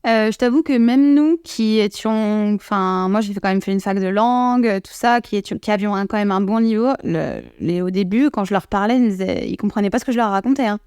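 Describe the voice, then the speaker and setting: Chatty young French woman, smooth voice. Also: mid-range voice, fairly quick, hardly any pauses, a little mellow, no echo, clean studio sound. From France. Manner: chatty, slips into playful English put-on voices. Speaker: guest. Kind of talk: casual podcast chat.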